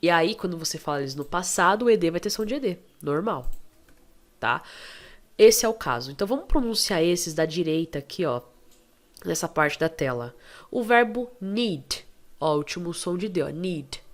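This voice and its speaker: Low-voiced Brazilian woman teaching English. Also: animated, fairly quick. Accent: Brazilian Portuguese. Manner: chatty, coaxing, checks in with tag questions. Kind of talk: online language lesson.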